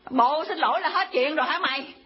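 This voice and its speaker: A woman's voice: high voice, fast, lightly acted. Woman doing a scolding old granny, comedy skit, muffled recording. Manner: scolding, insulting, mock-sweet. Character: cantankerous quarrelsome old grandmother. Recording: dull lo-fi recording.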